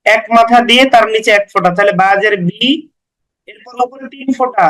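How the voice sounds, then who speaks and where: A man with a very high voice teaches beginners to read the Quran. He spells out each letter and vowel mark patiently, syllable by syllable, then joins them into a word, adding short plain explanations along the way. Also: fairly even intonation, a little fast, a bit bright, rough recording.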